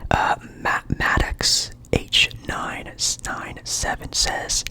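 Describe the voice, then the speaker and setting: A young man from Portland whispering a relaxed, rambling ASMR chat in his apartment. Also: drawn-out words. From Portland, Oregon, USA. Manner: soft rambling whisper, friendly and chatty. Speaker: ASMR creator.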